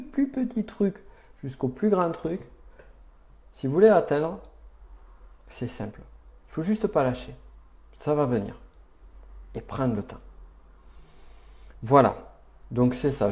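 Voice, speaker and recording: A man's voice: medium pitch, dark tone. A man giving an upbeat, chatty live-stream talk on personal development, answering viewers' chat comments with emphatic asides.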